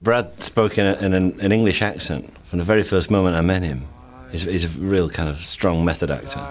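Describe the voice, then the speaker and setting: Deep-voiced man telling set stories. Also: fairly even intonation, brisk. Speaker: film actor. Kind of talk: film commentary.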